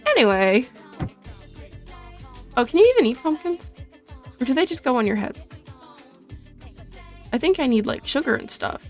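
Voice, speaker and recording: A young woman rambling casually through gaming commentary, chatty and full of tangents, enunciating clearly. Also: high-pitched, sing-song, normal speed, long pauses, soft background music. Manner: chatty, tangent-prone, self-deprecating. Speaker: gaming streamer.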